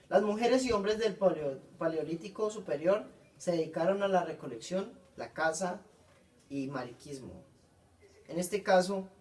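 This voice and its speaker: A man, reading out a class presentation on punctuation and coherence, pausing often and correcting himself. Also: a little high, recorded from a distance. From Colombia. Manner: halting, frequent self-corrections.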